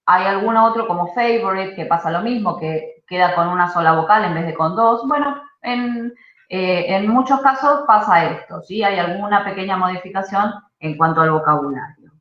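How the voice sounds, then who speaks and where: A woman's voice: mid-range voice, moderate pace. A woman leads an English grammar class over a video call. She explains step by step and keeps asking "¿sí?" to check that her students follow. The sound is dull and echoey. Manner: explanatory, checks understanding with frequent "¿sí?". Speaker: English teacher. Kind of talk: online class lecture. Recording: muffled roomy video-call audio.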